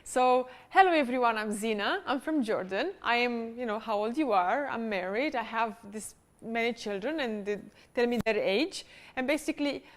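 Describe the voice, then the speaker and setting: A woman's voice: on the high side, expressive, normal speed, hardly any pauses. Directive woman coaching. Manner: encouraging, directive. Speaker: pitch coach. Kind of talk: coaching a workshop exercise.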